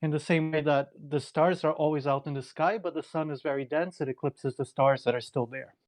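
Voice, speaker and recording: A man on an online call, explaining ideas in a measured, lecturing way. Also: on the high side, steady tone, a little mellow, dry recording. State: out of breath. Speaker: community member. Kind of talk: explanatory discussion. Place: remote call.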